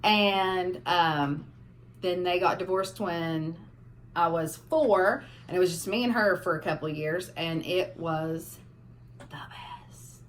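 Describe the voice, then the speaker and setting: A young woman, casually telling family stories on a vlog, animated as the stories build. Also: lowish voice, slow, slight background noise. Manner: animated storyteller, laughing through funny parts. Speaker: family vlogger. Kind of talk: casual storytelling.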